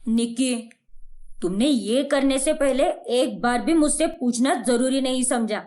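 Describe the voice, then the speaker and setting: A woman's voice: high-pitched, a little slow, a little mellow. A woman voicing an irritated young husband in a cartoon story, scolding his wife. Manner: scolding, exasperated. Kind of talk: cartoon voice acting.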